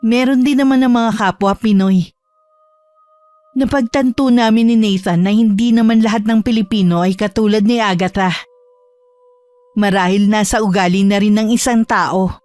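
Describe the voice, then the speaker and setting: A woman giving steady, reflective first-person narration of a horror story. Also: medium pitch, normal speed, no room sound, faint music behind.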